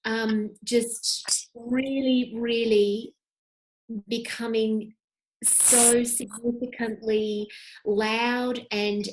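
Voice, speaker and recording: A woman in her thirties appears as a podcast guest over a webcam call, speaking with passion and emphasis in a conversational interview. Her voice is on the high side with a darkish tone, and the recording is rough.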